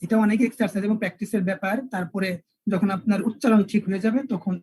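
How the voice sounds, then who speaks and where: A male English teacher, lecturing an online class and spelling words out slowly with repeated examples. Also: high voice, flat delivery, darkish tone, slightly rough, no echo, poor audio.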